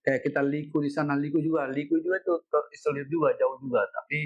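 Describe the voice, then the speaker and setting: A middle-aged man, a guest telling a story in an interview, animated, repeating himself and ending lines with "Pak". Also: fairly high pitch, fast, highs cut off. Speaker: head of city education office, guest.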